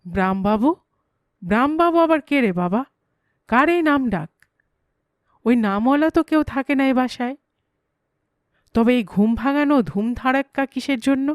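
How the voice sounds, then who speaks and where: A woman playing a sleepy, grumpy middle-aged man in a comic audio story, grumbling and fussing with a fairly high, dry voice. He frets over small things and snaps back at every question. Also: lively intonation, moderate pace, long pauses, no room sound. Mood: bewildered. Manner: grumbling, fussy about his name.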